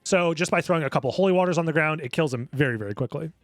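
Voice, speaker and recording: A man's voice: a little high, racing, dry recording. A man giving casual speedrunner commentary, explaining his play analytically, step by step. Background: music under the voice.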